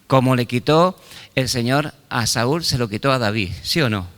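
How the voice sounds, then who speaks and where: A man's voice: medium pitch, moderate pace, a bit bright, big-room sound. An older man, preaching a sermon fervently. He keeps firing rhetorical questions at the congregation and breaking in with short exclamations of praise. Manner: fervent preaching with call-and-response questions and frequent interjections. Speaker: pastor.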